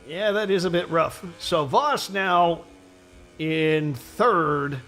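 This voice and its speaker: A man calling a sim racing event as play-by-play commentator, excitable and quick to exclaim. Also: fairly high pitch, soft background music.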